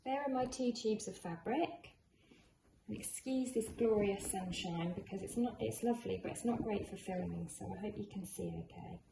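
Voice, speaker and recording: Speaking at a normal speed in a mid-range voice, a woman hosts a craft tutorial on sewing at home, keeping it chatty and supportive. The room echoes, and the sound of builders drilling and working comes through clearly.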